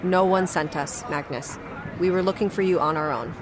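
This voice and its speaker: An actress playing a brisk, blunt young woman who leads a team of investigators in an audio drama. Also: fairly low pitch, crowd noise, natural voice. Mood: earnest. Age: young adult. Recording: clear outdoor dockside noise behind.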